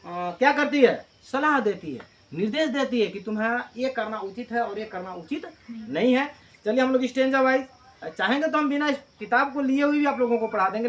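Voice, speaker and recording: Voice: medium pitch, a bit bright. Emphatic teacher explaining a poem. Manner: mixes Hindi with read-out English lines; emphatic, repeats key lines.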